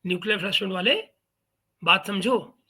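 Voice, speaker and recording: A man's voice: high voice, fairly quick, sharp tone, husky. A man hosting a reaction commentary channel, talking in a mocking, sarcastic way. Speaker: YouTube commentary host.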